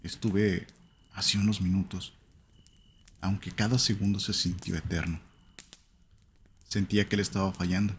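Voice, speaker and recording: A man narrating a first-person horror story in a slow, somber, suspenseful way. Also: low-pitched, slight background noise.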